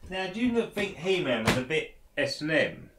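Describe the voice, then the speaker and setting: British man, 40s, lively swinging delivery, jokey storyteller. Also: fairly high pitch, moderate pace, heavy background noise. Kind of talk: casual chat while gaming.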